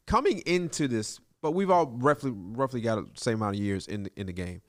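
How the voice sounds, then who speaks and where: A man's voice: medium pitch, animated, brisk. A man in his late thirties, a guest in a casual podcast chat, who talks bluntly and warns listeners directly. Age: 30s.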